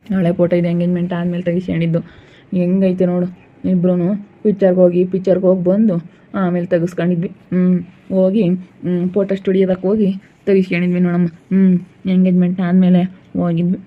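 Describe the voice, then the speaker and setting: A man's voice: high voice, completely flat delivery, quick pace. A man with a rural Chitradurga Kannada accent, talking in a sorrowful, mournful way in casual chat. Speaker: relative in village vlog. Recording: tinny phone-like lo-fi sound.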